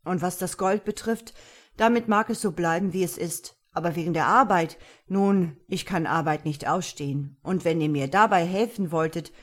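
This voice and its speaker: Plain blunt farm lad voiced by a woman, louder, simple talk, storybook. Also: lowish voice, normal speed, close to an everyday voice. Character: humble young farm lad, work-shy. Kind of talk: storybook reading.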